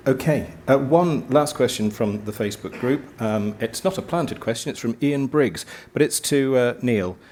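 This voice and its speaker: A man moderating a live event, briskly passing on questions from the audience. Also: mid-range voice, darkish tone, slight background noise.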